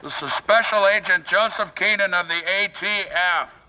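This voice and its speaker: A man's voice: high-pitched, normal speed, bright, forceful tone, slight background noise, low-quality recording. An actor playing a stern male federal agent, announcing a raid through a megaphone in a formal, commanding way. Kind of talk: film clip.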